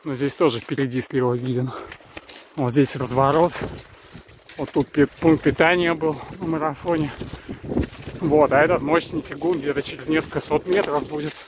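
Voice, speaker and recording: Skiing down a snowy forest trail outdoors, a guy rambles to the action cam he wears while recording his training, keeping up loose spoken commentary. His voice is kind of high with fairly even intonation, and the wind rushing by fills the mic with hiss.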